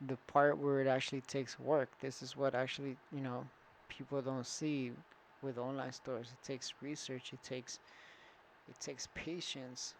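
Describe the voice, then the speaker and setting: Again guiding viewers through an online store setup, the man thinks out loud with fillers and false starts in a casual tone. His medium-pitched voice comes through a rough computer setup with screen recorder and camera, with slight background noise.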